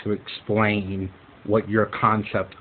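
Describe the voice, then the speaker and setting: A man with a low voice who speaks slowly and deliberately, stammering a little as he starts each sentence while steering the group discussion. The call sounds narrow and phone-like, with faint background hiss. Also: little pitch movement. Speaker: discussion moderator. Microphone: computer microphone on a voice call. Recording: compressed online voice call.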